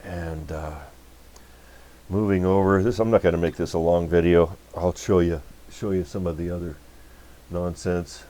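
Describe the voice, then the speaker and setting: Hosting a radio repair channel, a man with a deep voice and a dark, relaxed tone gives a casual workbench demonstration at normal speed. He rambles along informally and folksily as he explains things.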